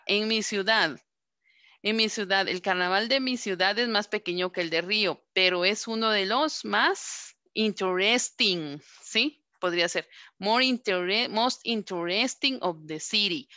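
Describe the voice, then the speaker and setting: Bright-voiced Guatemalan teacher, woman. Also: mid-range voice, no echo. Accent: Guatemalan Spanish. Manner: slow, drawn-out modeling of English words; asks and answers her own questions. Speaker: English teacher. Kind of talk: recorded online class lesson.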